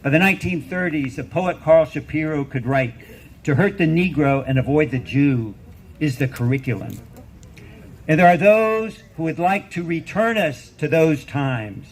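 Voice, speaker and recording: Man giving an emphatic rally speech, higher-pitched voice. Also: animated, a little hiss or hum. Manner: emphatic, deliberate, with repeated phrases and rhetorical questions. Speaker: university professor speaking at a rally.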